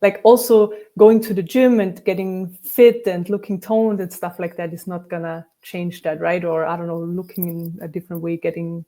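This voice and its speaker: A woman's voice: lowish voice, warm tone. A woman from Austria, a spiritual teacher speaking as a guest in a thoughtful interview, often restarting her sentences. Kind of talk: reflective interview conversation.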